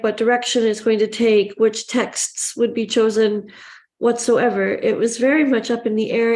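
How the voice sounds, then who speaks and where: A woman's voice: fairly high pitch, darkish tone. A woman interviewing a guest in a casual, upbeat and enthusiastic way.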